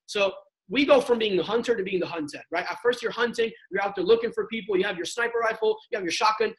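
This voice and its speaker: A young man on a sales panel delivers a motivational training talk in casual, slangy language, acting out sample conversations with an emphatic, coaching style. He is a network marketing panelist who talks fast in a high-pitched, fairly bright voice, and the audio is poor.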